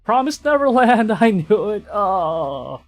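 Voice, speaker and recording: Over game music, a man from the Philippines reads a game's text aloud while streaming, stammering hesitantly and reacting with wry humor. He speaks slowly in a high, sing-song voice.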